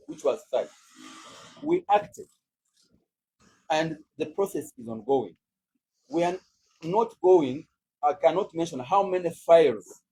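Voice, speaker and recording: A man serving as state counsel, making a measured, deliberate formal submission in court. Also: fairly high pitch, mellow, slight background noise, low-quality recording. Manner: measured, deliberate legal oratory.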